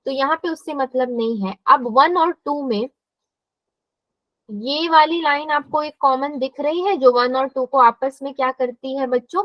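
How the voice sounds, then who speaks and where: A woman's voice: high voice, no echo, muffled recording. A woman math teacher giving a live classroom lesson, explaining step by step and asking her students questions.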